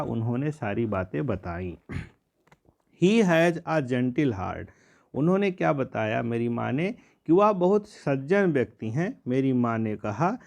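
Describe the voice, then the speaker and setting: An English teacher, reading a story aloud slowly and explaining each line in Hindi with questions to the class. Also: male voice, mid-range voice, gravelly.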